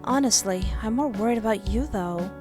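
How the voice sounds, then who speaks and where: A woman plays a frank, caring young woman next door in a video game. She sounds casual and reassuring, a bit awkward, with clear music behind her. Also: medium pitch, normal speed, lightly acted. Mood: concerned.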